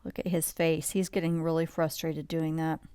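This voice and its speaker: A woman with a low, smooth, dark-toned voice and flat delivery reads a picture book aloud at bedtime, recorded in clean studio sound with no echo. Taking her time, she keeps it conversational, adding asides, pointing out details, and asking the listener questions.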